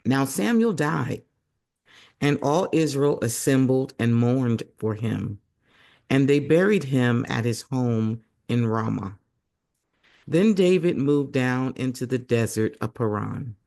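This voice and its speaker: A man reading the Bible aloud as a host, hoarse and losing his voice, breaking off for chatty asides to his viewers. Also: medium pitch, lively intonation, slow pace, a little mellow.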